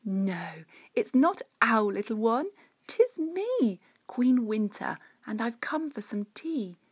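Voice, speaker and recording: A grand, magical queen of winter from a storybook, played by a woman speaks in a raised, theatrical voice. She is cheerful and inviting, with a slightly husky tone. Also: a little high, very animated, takes it slowly, no echo, clean studio sound, voice pushed up, full character voice.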